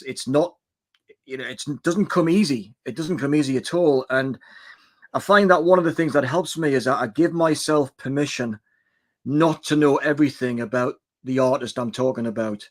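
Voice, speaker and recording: A man in his sixties, a livestream guest, talking reflectively and repeating words as he thinks. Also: mid-range voice. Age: 60s. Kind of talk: casual chat.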